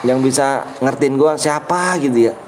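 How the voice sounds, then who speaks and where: A man's voice: medium pitch, moderate pace, background noise. A young man with a Betawi accent streaming a game, grumbling and bickering with his chat in slangy casual talk. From Jakarta, Indonesia.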